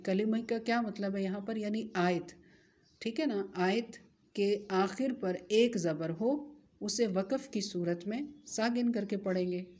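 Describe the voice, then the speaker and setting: A woman with an Urdu-speaking accent teaches a religious lesson in a mellow, warm voice. She explains each rule patiently, poses rhetorical questions and answers them. Her pitch sits in a middle range. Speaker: Quran recitation teacher. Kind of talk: explanatory lesson with recited Arabic.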